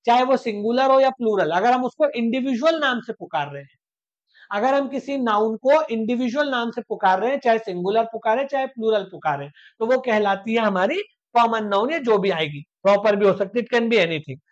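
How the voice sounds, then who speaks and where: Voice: mid-range voice, moderate pace. Patient teacher giving a dull lo-fi lecture. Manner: asks rhetorical questions and answers them; repeats points patiently, step by step. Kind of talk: online exam-prep grammar lecture.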